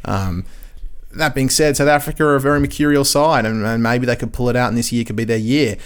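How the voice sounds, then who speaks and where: A man's voice: medium pitch, quick pace, clean tone. A man co-hosting a casual sports chat, talking in a laid-back, slangy, matey way. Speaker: sports podcast co-host.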